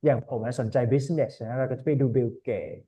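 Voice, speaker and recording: A man's voice: medium pitch, unhurried, breathy edge. A man teaching an online speaking class as a tutor, talking casually and mixing English words into his speech. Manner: relaxed, mixes English words into Thai. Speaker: IELTS tutor. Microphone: online call.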